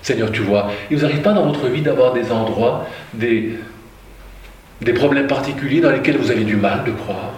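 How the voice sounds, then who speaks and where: A man's voice: medium pitch, normal speed, darkish tone. A man preaching a sermon, reading scripture aloud and commenting with questions to his listeners. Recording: roomy, from far off, faint ambience.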